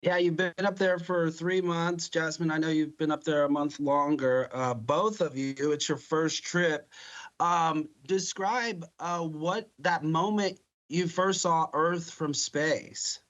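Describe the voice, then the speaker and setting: A man's voice: fairly high pitch, steady tone, slow pace, a bit bright, lo-fi sound. An American man, a local television reporter, putting questions in a broadcast interview.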